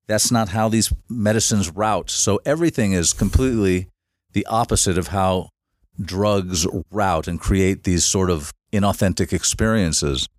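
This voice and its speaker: On a casual podcast, a male guest who works as a shamanic facilitator speaks in a low register. The studio-quality audio has no echo, and his lengthy explanations stumble along with frequent fillers and restarts.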